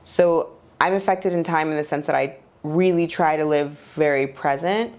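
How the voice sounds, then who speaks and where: Low-voiced reflective woman in her forties. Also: moderate pace, darkish tone. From Nigeria. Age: 40s. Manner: reflective, open, loose with many "like"s. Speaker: podcast guest. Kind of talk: candid personal conversation. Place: her home.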